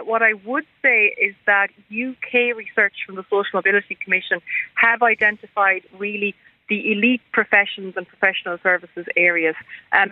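A woman with an Irish accent speaks as an expert guest on a radio programme. She explains in measured, academic phrasing. Her voice comes down a narrow, tinny telephone line with a very dry sound. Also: mid-range voice, dry recording. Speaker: guest expert, university lecturer. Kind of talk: radio interview, explanatory and formal.

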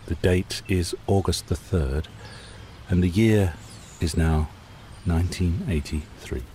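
A man's voice: low-pitched, slow pace, warm tone, a little hiss or hum. A man hosting a scripted true-crime documentary podcast, telling the story conversationally in short, suspenseful phrases straight to the listener. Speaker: podcast host and narrator.

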